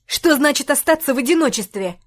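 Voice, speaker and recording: A woman's voice: a little high, moderate pace, darkish tone, lightly acted. A woman reading an audiobook, voicing a furious young woman who hurls angry accusations at her ex.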